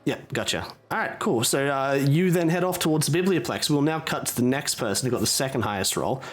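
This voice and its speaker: Lively chatty dungeon master. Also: male voice, mid-range voice, a little fast. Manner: loose, filler-heavy, lively narration. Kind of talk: narrating a tabletop game.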